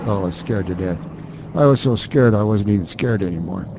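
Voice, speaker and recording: Elderly American male veteran, plain-spoken, low and gravelly, casual recollection. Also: fairly quick, noisy background. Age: older, 80s. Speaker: war veteran.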